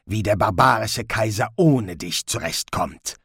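Man putting on a cold imperious lord, low and slow, commanding, menacing. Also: animated, vocal fry, a bit bright, husky, no room sound, studio quality, exaggerated voice.

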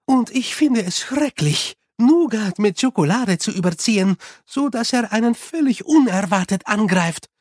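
A woman's voice: mid-range voice, animated, unhurried, few pauses, a little mellow, no room sound, studio quality, voice pushed up. An audiobook narrator voicing a flustered, diplomatic young woman with a raised, anxious voice. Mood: fretful. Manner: anxious, over-polite.

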